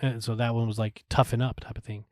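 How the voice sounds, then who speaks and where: Podcast guest, man, mid-pitch, animated storyteller who acts out his own past thoughts; close mic, dry room. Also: quick pace, no room sound. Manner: frequent fillers and restarts, laughs while telling. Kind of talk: candid interview storytelling.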